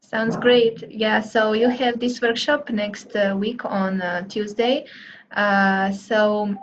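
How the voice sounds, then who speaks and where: A woman's voice: medium pitch, fairly even intonation, slow, lo-fi sound, a little hiss or hum. A woman hosting a casual interview, hesitant with many fillers. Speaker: host.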